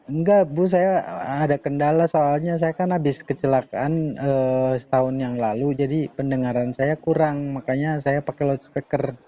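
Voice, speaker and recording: A man, a bank customer talking casually on speakerphone in a halting, hesitant way. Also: on the high side, fairly even intonation. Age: 40s. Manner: hesitant, halting with many pauses. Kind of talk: casual phone conversation. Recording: tinny phone line.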